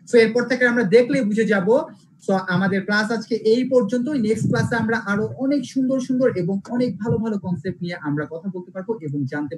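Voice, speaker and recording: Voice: medium pitch, noisy background. A teacher giving a live online English pronunciation class with a Bengali accent. The teacher repeats points often and keeps checking that students follow along. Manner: repetitive, checks understanding with "alright?". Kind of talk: live online class, code-switching lecture.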